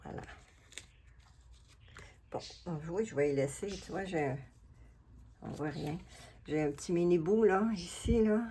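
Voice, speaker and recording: A woman with a Québécois accent and a low, deep-set voice talks through her collage work in a casual craft vlog. She muses aloud in an unhurried, chatty way, half to herself and half to her viewers. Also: dark tone, a little hiss or hum. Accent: Québécois French. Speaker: collage artist. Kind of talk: casual craft vlog, talking while working.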